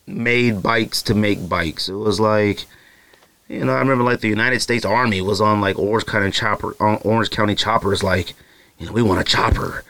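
The young host of a solo podcast rambles casually, full of fillers and side comments. His fairly low, fairly bright voice is recorded with no echo.

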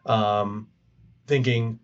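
A man's voice: fairly low pitch, level tone, very slow, muffled recording. A man hosting a podcast in casual chat, joking, laughing often and stumbling over his words. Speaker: podcast host.

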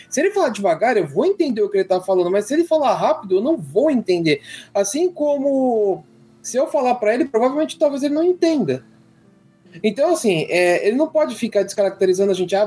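A woman's voice: on the high side, mellow. A woman with a Brazilian Portuguese accent in a casual podcast chat, talking bluntly and argumentatively, swearing freely.

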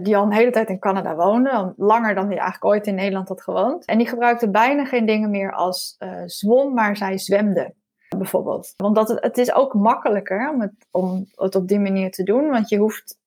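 A woman's voice: mid-range voice, darkish tone. A woman language researcher explaining her findings in an interview, thoughtful and a little hesitant.

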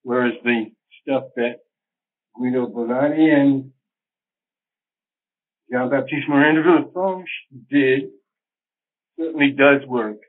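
A man's voice: mid-range voice, unhurried, pauses often. Older man, scholarly, over a phone line. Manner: digressive, scholarly, with many fillers. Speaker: astrologer guest. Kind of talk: reflective interview answers.

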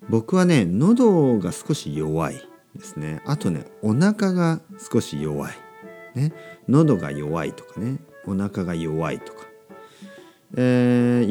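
A man hosting a podcast for learners of Japanese, speaking slowly in simple words and repeating them, with a slightly sore throat. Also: on the low side, warm tone. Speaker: podcast host teaching Japanese. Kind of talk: slow, simple podcast talk for language learners.

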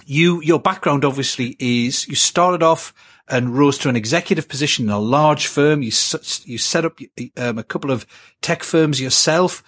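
A man's voice: on the high side, normal speed. Man hosting a podcast interview. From United Kingdom. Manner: conversational, with frequent "um" and warm laughs. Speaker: podcast host. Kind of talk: casual interview.

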